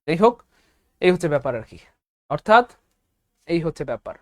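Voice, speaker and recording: A man teaching English for job exams in an online lecture, energetic and repeating key words to his viewers. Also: on the high side, fairly quick, no room sound, studio quality. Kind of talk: online exam-prep lecture.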